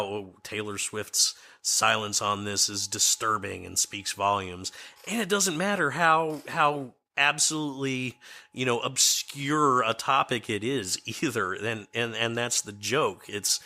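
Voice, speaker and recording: A man's voice: medium pitch, sharp tone. A man hosting a solo podcast commentary, his voice scratchy and strained, often repeating and restarting words with a sardonic edge. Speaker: podcast host.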